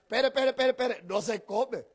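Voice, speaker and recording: A man's voice: very high voice, normal speed. A middle-aged male pastor preaching a sermon in a conversational way, teasing his congregation, then building to emphatic proclamation.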